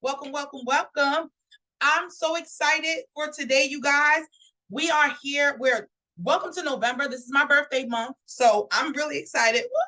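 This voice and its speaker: A woman hosts a live online show with a bright, forceful voice sitting a little high. She is upbeat and chatty and talks straight to her viewers. She grew up in New York. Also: steady tone, moderate pace, poor audio. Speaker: host. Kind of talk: live-stream talk show host.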